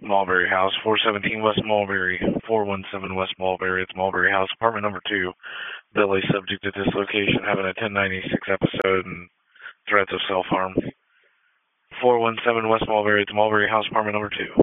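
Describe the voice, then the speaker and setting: A man's voice: fairly low pitch, little pitch movement, fast talker, no room sound. A male emergency dispatcher calling units over a two-way radio, terse and clipped, repeating addresses and codes. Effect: two-way radio transmission. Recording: tinny, narrow-band radio scanner audio.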